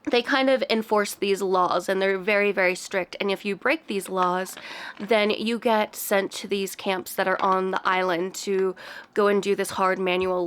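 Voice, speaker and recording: A woman's voice: mid-range voice, smooth. A young woman chatting casually about books she read, her voice a little off from a cold, rambling and laughing lightly. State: has a cold, voice a bit off. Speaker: book vlogger. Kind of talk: casual book review chat.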